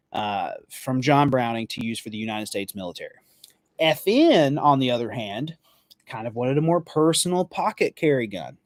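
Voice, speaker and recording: A man's voice: mid-range voice, a little mellow, dry recording. A man hosts a live firearms show in an easygoing, rambling manner, backing up to correct himself and letting mild swears slip. His voice sits in an ordinary middle register. The sound is close and dry, with no room around it. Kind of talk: casual live-stream history talk.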